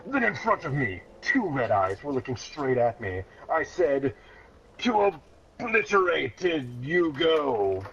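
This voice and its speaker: He reads his childhood story in a medium-pitched voice with a bit of brightness, acting out a pretend-serious drama and barely holding back laughter at times. The audio is lo-fi and dull, with noticeable background noise.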